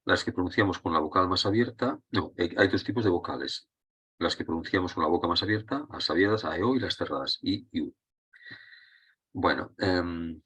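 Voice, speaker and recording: Deep husky male Spanish teacher. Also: a bit bright. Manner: explanatory, checks in with students. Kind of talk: lesson on Spanish accent rules.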